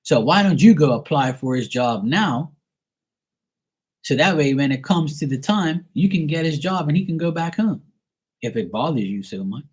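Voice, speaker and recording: A man's voice: a little high, lively intonation, moderate pace, husky. A man from Bermuda with a Bermudian accent, talking in a blunt, profane, ranting way on a casual livestream. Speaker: livestream host.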